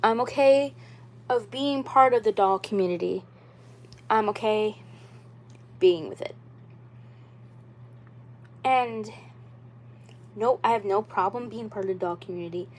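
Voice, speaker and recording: Her voice is mid-range, measured in pace and full of pauses as this doll YouTuber in her twenties talks casually on a livestream about collecting dolls. She rambles and repeats herself, leaning on "like" and "you know" while earnestly insisting on her point.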